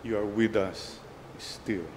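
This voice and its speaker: A man serving as priest, leading the Mass in a measured, solemn prayer cadence at a pulpit microphone. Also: lowish voice, steady tone, noisy background. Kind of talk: leading liturgical prayer and exhortation.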